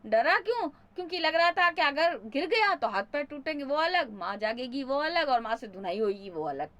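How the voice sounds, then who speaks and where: A woman's voice: high-pitched, sing-song, moderate pace, a bit bright, lo-fi sound. A woman teacher reads a school story aloud, voices the children's lines in her reading, and stops to explain each passage in simpler words for young pupils.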